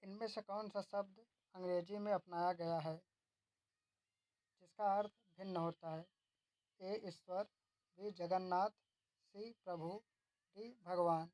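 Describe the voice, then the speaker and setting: A woman's voice: on the low side, fairly even intonation, takes it slowly, pauses often, warm tone, no room sound, low-quality recording. A woman tutor reads exam questions and their options aloud, then gives the answer and explains why. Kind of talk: reading quiz questions and answers.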